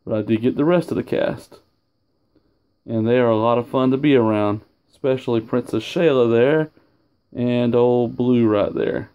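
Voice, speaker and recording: Clear and resonant, with a dark tone, the man's mid-range voice moves at a moderate pace. He's filming a casual show-and-tell of his autograph collection at home over a sofa, drifting off topic, losing his train of thought, and correcting himself.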